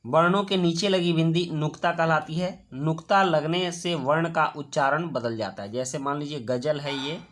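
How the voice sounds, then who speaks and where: A male teacher with a slightly high voice walks children through a worksheet. He explains patiently, step by step, repeating each word slowly so it sinks in. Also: a bit bright.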